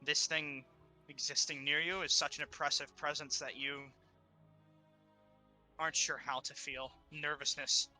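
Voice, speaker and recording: A man narrating a tabletop game as game master, in a halting, descriptive way with many fillers. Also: on the high side, little pitch movement, pushed and bright, faint music behind.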